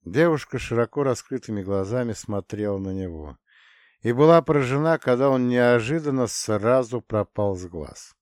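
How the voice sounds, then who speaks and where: A man narrating a story in a steady, dramatic audiobook style. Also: medium pitch, normal speed, no room sound, studio quality. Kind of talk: scripted narration.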